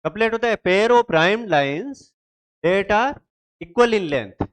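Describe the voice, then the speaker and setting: Guy teaching a lit lesson slowly, asks questions then answers them, smooth clear voice. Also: high voice, lively intonation. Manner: asks the class questions and answers them himself, repeats key terms. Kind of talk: exam-prep literature lesson.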